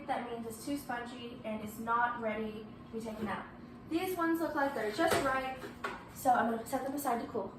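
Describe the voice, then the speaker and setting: A woman with a high voice walks through a recipe in a casual tutorial style. She gives instructions in short, halting pieces. The room is echoey, with clear background noise. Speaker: home baking presenter. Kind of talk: casual step-by-step cooking tutorial. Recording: roomy echo, clearly noisy background.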